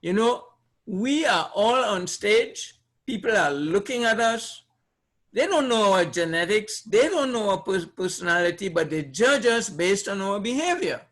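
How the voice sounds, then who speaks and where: A presenter from Trinidad uses a high, expressive, fairly bright voice at a measured pace. With his Trinidadian accent, he teaches a live audience in an informal seminar, often repeating phrases and putting questions to the crowd.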